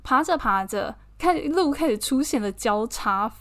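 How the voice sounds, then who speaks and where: A woman with a Taiwanese Mandarin accent and a fairly high voice talks in a loose, personal, chatty way. Her delivery is expressive and she laughs easily. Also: normal speed. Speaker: podcast host, model. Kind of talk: casual personal chat.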